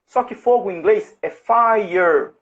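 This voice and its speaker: A man's voice: high voice, brisk, narrow, tinny audio. A Brazilian man hosting a live interview, explaining in a didactic way with many fillers and restarts. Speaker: host and safety-at-work English teacher. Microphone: online live call.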